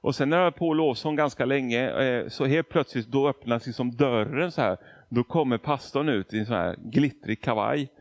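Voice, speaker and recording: A man's voice: medium pitch, few pauses, no echo. A man from Argentina preaching a testimony sermon, telling his story with emphasis and acting out quotes.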